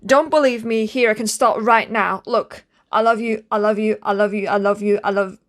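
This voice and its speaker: Girl doing a clingy yandere stray catgirl asmr roleplay, high kittenish voice, meek n pleading, super lovesick. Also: normal speed, a bit bright, lightly acted. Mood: lovestruck, devoted. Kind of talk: scripted ASMR role-play addressed to the listener.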